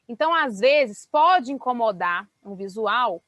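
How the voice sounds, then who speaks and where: A woman mentor giving an online sales training talk, explaining in a lively way and checking in with her listeners often. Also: on the high side, unhurried, no room sound. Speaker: business mentor and speaker.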